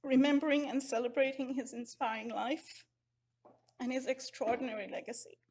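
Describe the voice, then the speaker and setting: A middle-aged woman from Sri Lanka, giving an earnest, heartfelt memorial eulogy at a measured pace. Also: high voice, fairly even intonation, a little mellow.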